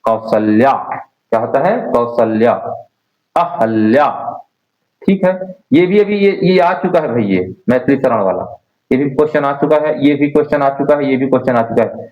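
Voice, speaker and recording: A man's voice: medium pitch, expressive, normal speed, a little mellow. Man teaching a spelling class, echoey. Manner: drills words by repeating them, asks students questions. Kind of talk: online Hindi spelling class. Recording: roomy, dull lo-fi sound.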